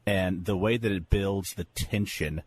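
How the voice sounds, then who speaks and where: A man's voice: low-pitched, a little slow, husky. A man co-hosting a casual podcast chat, enthusiastic and building his points in lists. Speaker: podcast co-host.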